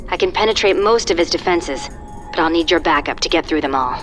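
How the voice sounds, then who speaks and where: A woman with a fairly low, natural voice acts a video game cutscene as a cool, determined psychic covert agent, speaking animated and fairly quick. Her businesslike briefing sounds controlled, crisp and military, over soft background music.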